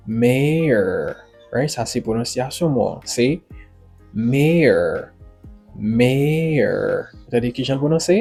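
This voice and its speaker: Haitian male English teacher, mellow tone, slow word-by-word pronunciation drills, light music bed. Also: mid-range voice. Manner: drills words by repeating them slowly, mixing French and Creole. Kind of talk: pronunciation lesson and book promotion.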